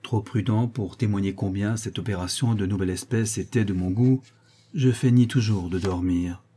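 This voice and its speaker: A man reads a classic novel aloud in a measured, expressive way. His voice is very dark and mellow, with a husky edge, and the telling stays steady from sentence to sentence. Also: lowish voice. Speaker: audiobook reader. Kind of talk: literary audiobook narration.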